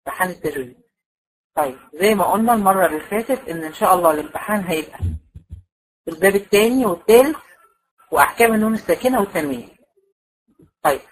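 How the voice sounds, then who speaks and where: A woman's voice: mid-range voice, husky, rough recording. A woman with an Egyptian Arabic accent teaching a Quran recitation class, explaining each point step by step and repeating it to check that it is understood. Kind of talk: classroom lecture.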